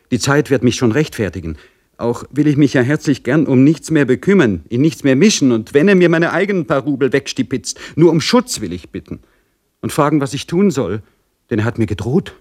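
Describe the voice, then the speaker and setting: A man's voice: mid-range voice, animated, a little fast, darkish tone, no room sound, clean studio sound, voice pushed up, close to an everyday voice. A man reading aloud voices a frightened young maidservant in an anxious, pleading way.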